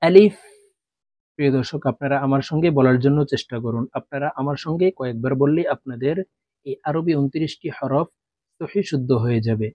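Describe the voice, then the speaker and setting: A man teaching Arabic letters for Quran reading, explaining each sound and then chanting the letter names long and slow for students to repeat. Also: medium pitch, a little mellow, dry recording, lo-fi sound. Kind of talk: recitation lesson.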